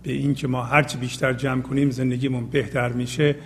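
A man of middle pitch leads a spiritual talk, reciting classical verses and then explaining them line by line. His delivery is unhurried and repetitive, circling back to key phrases. The recording carries a long room reverb and a faint background hum. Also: level tone. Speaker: host explaining Rumi poetry.

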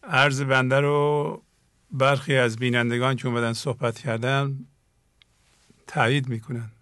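A man hosting a call-in program who teaches and warmly encourages his callers. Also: mid-range voice, flat delivery, no echo, clean studio sound. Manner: encouraging, praises callers often. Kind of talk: teaching talk and phone call-in.

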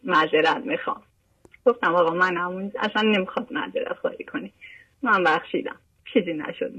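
A woman's voice: medium pitch, dull audio. Older woman caller, earnest, repeats herself while recounting a story. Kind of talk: phone-in chat.

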